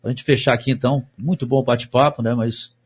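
A Brazilian man hosts a sports chat in a casual way. His voice is husky and medium in pitch. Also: steady tone, brisk. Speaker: sports show host. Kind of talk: casual interview hosting.

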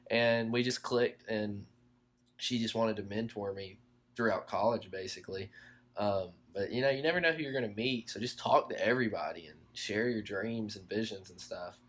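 A young man, a college student, hosting a casual interview in a relaxed, modest way with frequent fillers. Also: mid-range voice. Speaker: host, college student entrepreneur.

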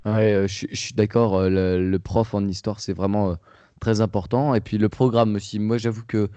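Jeune homme à la voix sombre et grave. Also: male voice, on the low side, fairly even intonation, normal speed, warm tone, dry recording. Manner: hesitant, many fillers and restarts. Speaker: podcast co-host. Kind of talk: casual chat.

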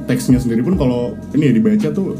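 A man's voice: medium pitch, lively intonation, very fast. A young man co-hosts a casual podcast, talking informally in slang with some English mixed in. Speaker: podcast co-host. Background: music.

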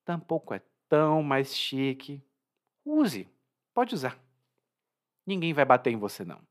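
A Brazilian man with a Brazilian Portuguese accent explains vocabulary from a story, teaching Portuguese in a lively, chatty, informal way and laughing at his own jokes. His voice is medium in pitch and his pace measured.

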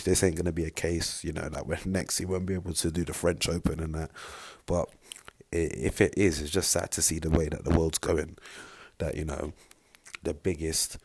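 In a casual vlog, a man gives his opinion to the camera in a rambling, conversational style full of fillers. His low-pitched voice has a darkish tone, and there's no echo on the recording.

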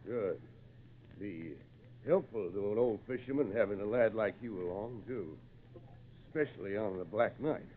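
An actor playing a gruff, kindly old fisherman with salty, folksy talk in an old-time radio drama. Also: fairly low pitch, normal speed, slight background noise, close to an everyday voice. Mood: calm, wary. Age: older. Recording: muffled, narrow-band old radio recording.

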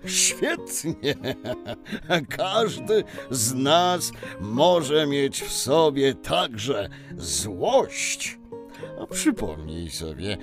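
An actor playing a jolly, wise old Santa Claus who speaks in a patient, theatrical, chuckling way for a children's audio story. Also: male voice, mid-range voice, sing-song, extremely slow, over music, exaggerated voice.

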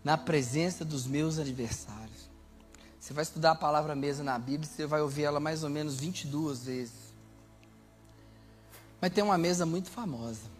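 A Brazilian man preaching a lively sermon, telling stories and shouting out praises. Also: a little high, moderate pace, pauses often, soft background music. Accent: Brazilian Portuguese. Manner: animated storytelling, shouting praises.

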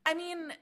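A woman's voice: very high voice, a bit bright. A woman in her twenties co-hosting a podcast, chatting casually with many fillers and restarts. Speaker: podcast co-host. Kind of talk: casual chat.

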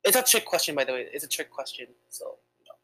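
A woman's voice: sits low, big pitch swings, fast, bright, forceful tone, rough recording. A young woman co-hosting a casual podcast, chatty and hesitant, with lots of fillers. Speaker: podcast co-host. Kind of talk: casual chat game with a friend.

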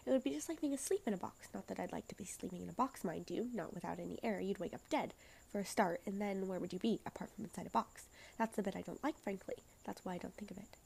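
A woman's voice: mid-range voice, fast, gravelly, husky. A woman reading a rambling, anxious courtier. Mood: musing. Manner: soft half-whispered rambling reading.

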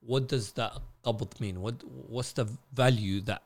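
A man from Iraq hosting a conversational interview, speaking in halting phrases with restarts and asking probing questions. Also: mid-range voice, a little mellow.

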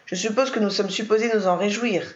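A woman's voice: medium pitch, steady tone, fairly quick, close to an everyday voice. A woman voicing a stern older wealthy man who speaks curtly and coldly, in a roomy, dull recording. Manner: curt, cold.

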